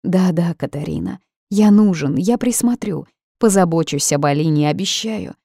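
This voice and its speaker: A woman's voice: fairly low pitch, normal speed, vocal fry, dark tone, no echo, studio quality. Woman doing a wailing old ghost man. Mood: flustered. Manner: wailing, self-pitying outbursts. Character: fussy old male ghost, frantic and grumpy.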